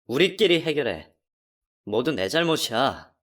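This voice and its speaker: A man voices an unfaithful middle-aged husband in a radio drama, his speech low and hushed. He sounds guilty and evasive. The mic sits a little distant. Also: big pitch swings, measured pace. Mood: guilty pleading.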